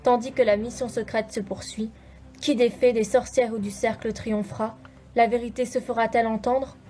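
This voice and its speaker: A woman's voice: a little high, little pitch movement, moderate pace, dark tone. A woman reading a scripted episode preview as the narrator of a drama series.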